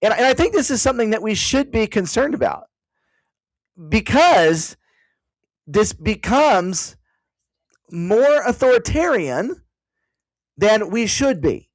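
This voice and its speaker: A man's voice: high-pitched, very animated, slow pace, pauses often, no room sound, poor audio. A man hosting a casual learning session at home, thinking aloud and drifting into "by the way" asides. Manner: digressive, with frequent "by the way" asides; thinks aloud while searching online. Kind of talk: casual explanatory talk to an online audience.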